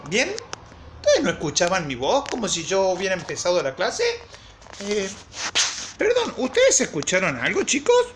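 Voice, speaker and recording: A young woman with an Argentine accent, a primary school teacher giving a playful lesson to children at home. She talks in a clear, slow way and stretches words as she teaches. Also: medium pitch, wildly swooping pitch, slight background noise. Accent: Rioplatense Argentine Spanish.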